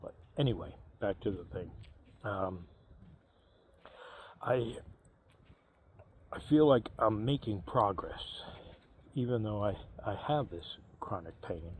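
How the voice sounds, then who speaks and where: A vlogger in his fifties, a native English speaker, talks casually to camera about personal matters in a low, unhurried voice with lively intonation. His speech is halting, with frequent pauses, fillers and restarts, and faint background noise sits under the recording.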